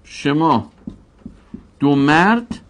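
A man teaching a grammar lesson to a class, drawing out each word form slowly and asking questions he then answers himself. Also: fairly high pitch, animated, a little hiss or hum. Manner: drills word forms slowly, stretching each syllable.

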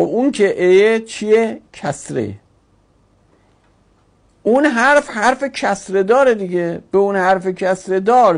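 A teacher giving a grammar lesson, asking questions and answering them, repeating key terms slowly. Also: medium pitch.

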